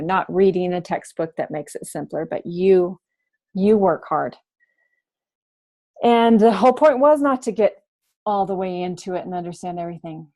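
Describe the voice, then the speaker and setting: A woman teacher giving an online high school humanities lesson, explaining slowly and thinking aloud as she goes. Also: mellow. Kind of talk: online class lecture.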